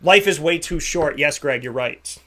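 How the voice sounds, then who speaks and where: Man, thirties, high voice, bright tone, show host, emphatic, repetitive, motivational. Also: normal speed. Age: 30s. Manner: emphatic, repeats phrases for effect. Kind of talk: motivational monologue.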